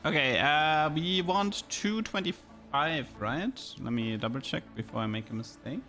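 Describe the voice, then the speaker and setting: A little high and pushed, his voice stays bright at a measured pace as a man from Germany streams a game with music playing. He chats loosely in English with a German accent, thinks out loud, and often says words twice.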